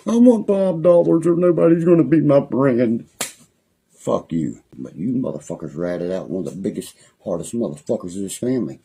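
This young livestreamer, with a West Virginian accent, swears heavily and makes threats in an angry, rambling rant streamed by phone from a small room indoors at home. He speaks at medium pitch and normal speed, expressive and warm, with a little hiss or hum.

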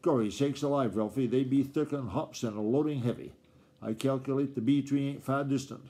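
A snappish old farmer grandfather with a rustic country twang, as a father puts him on reading aloud. His voice is mellow and low-lit rather than bright, and he scolds and hustles in a storybook scene. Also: brisk, lightly acted. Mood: excited.

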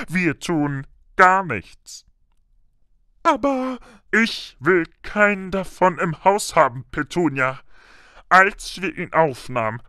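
A man's voice: sits high, bright, forceful tone, no room sound, studio quality, pitched above the performer's own voice, heavily acted. A man doing a blustering bully of an uncle. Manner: barking, stammering when rattled. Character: blustering, panicky middle-aged uncle, bullying. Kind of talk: audiobook character voice.

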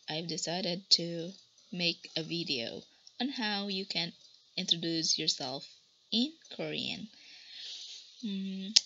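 A woman in her twenties from the Philippines, teaching beginner phrases slowly and carefully, repeating each one for practice. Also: fairly low pitch, bright, forceful tone. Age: 20s. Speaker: language teacher and blogger. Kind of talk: beginner language lesson. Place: small room, indoors. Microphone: webcam at desk distance. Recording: dull lo-fi webcam sound with faint noise.

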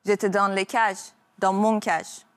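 A young woman from Iran, a talk show guest speaking halting French and searching for her words. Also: medium pitch, level tone, clear, resonant tone.

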